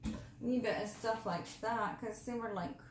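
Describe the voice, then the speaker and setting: A woman's voice: on the high side, steady tone, moderate pace. A woman chatting casually in a cooking vlog in her home kitchen, rambling through asides and talking carefully because of mouth pain. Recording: echoey kitchen with background noise.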